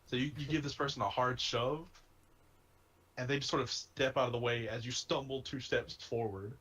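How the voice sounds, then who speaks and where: A man's voice: mid-range voice, steady tone, normal speed, a bit bright, husky. A man narrating as game master of a tabletop game, casual and wry, laughing often. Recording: streamed game session.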